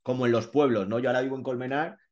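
A man's voice: mid-range voice, racing. A man with a Madrid Spanish accent, a rap guest chatting casually and colloquially in an interview. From Madrid, Spain. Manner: relaxed, colloquial, slangy. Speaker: guest rapper.

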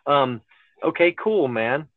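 A man hosts a podcast in a laid-back, casual way. His voice is mid-pitched and comes through a tinny phone line. The sound is thin and dry, with no room around it. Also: expressive, slow, no room sound. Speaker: podcast host.

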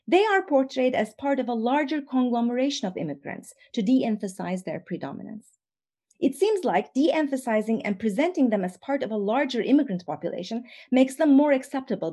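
A woman reads a prepared academic talk in a steady, analytical way. Her voice sits somewhat high but sounds soft and mellow. Now and then she restarts a word and carries on. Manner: measured, analytical reading with occasional restarts. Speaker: academic presenter. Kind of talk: reading a scripted academic talk.

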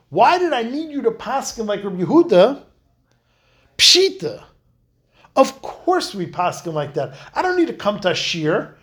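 A man teaching a Talmud class, emphatic, repeating key words for stress. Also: sits high. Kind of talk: Talmud lecture.

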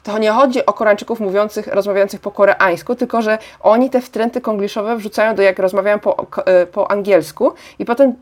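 A woman co-hosting a casual chat, speaking hesitantly and pausing to search for her words. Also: mid-range voice, steady tone. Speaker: podcast co-host.

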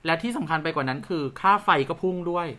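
A young woman from the Korat region co-hosting a casual podcast chat, playful and teasing, explaining things calmly. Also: low voice, fast. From Korat region, Thailand. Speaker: podcast co-host, actor.

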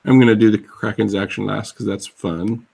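A man's voice: fairly low pitch, steady tone, moderate pace, gravelly, dark tone, slightly rough. A man running a tabletop fantasy game as game master, casual and playful with chuckling asides.

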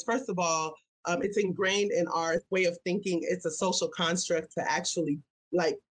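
A woman's voice: fairly low pitch, poor audio. A woman answering interview questions conversationally as a public health guest, candid and given to chuckling. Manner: candid, chuckles between phrases.

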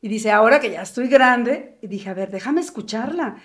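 Woman chatting on a podcast, kinda high voice, tells stories with lots of feeling. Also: normal speed. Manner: chatty, animated storyteller. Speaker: podcast co-host. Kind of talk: casual group chat.

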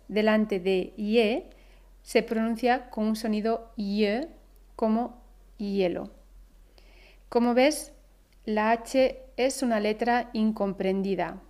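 A woman with a Spain accent, reading a scripted podcast lesson and saying each example word slowly and carefully. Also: fairly high pitch, darkish tone. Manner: slow, careful pronunciation of example words. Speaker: Spanish teacher, podcast host.

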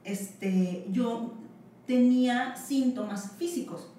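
A woman guest telling a candid personal story in a frank, halting way with many fillers. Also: fairly high pitch, mellow. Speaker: podcast guest. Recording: roomy, distant mic, faint noise.

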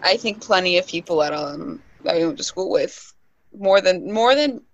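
A woman's voice: on the low side, animated, moderate pace, gravelly, a little hiss or hum. A young woman in her twenties, a nurse guest, chatting candidly and rambling on a casual podcast, recorded with muffled, dry sound. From New Hampshire. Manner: candid, rambling, self-deprecating.

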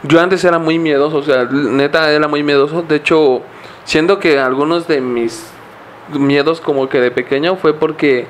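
A man's voice: fairly high pitch, fairly even intonation, moderate pace, a little hiss or hum. Rambling young Mexican man telling a story. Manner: rambling, full of fillers and slang. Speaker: podcast co-host. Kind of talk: casual storytelling chat.

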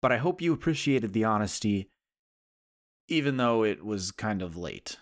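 A man's voice: on the low side, big pitch swings, moderate pace. A man reading as a sarcastic sitcom guy turned earnest. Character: sarcastic adult male sitcom character writing an earnest letter. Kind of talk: poem reading in character.

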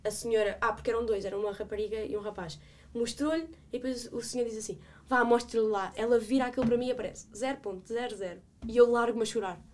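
A young woman with a European Portuguese accent, a student guest on a podcast, telling a story in an animated way and laughing often as she talks. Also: a little high, fast talker, slight background noise. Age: young adult. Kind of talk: casual storytelling chat.

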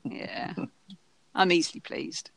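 A woman's voice: slow, fairly bright tone, no echo. A woman from the United Kingdom, a podcast guest, chatting casually and laughing easily. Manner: laughs often, easygoing. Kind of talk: casual chat.

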